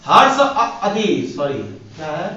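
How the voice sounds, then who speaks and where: A man with a very high voice teaches a classroom grammar lesson, quizzing his students and repeating each point. He sounds far from the mic, and the room echoes heavily around him. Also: sing-song, slow pace, pushed and bright, muffled recording. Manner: asks the class questions and repeats key points.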